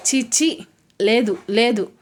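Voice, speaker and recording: A woman narrator lifts her voice a little for a frightened young woman in a spoken romance tale. She answers in soft, hesitant denials, timid and uneasy under questioning. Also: on the high side, slow pace. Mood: flustered.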